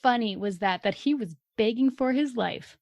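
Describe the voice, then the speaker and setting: A woman's voice: on the high side, normal speed, darkish tone, dry recording, lo-fi sound. A young adult woman hosting a podcast, telling a true-crime story in a casual way and reacting bluntly and angrily, with frequent swearing. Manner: blunt, indignant, swears freely. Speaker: podcast co-host.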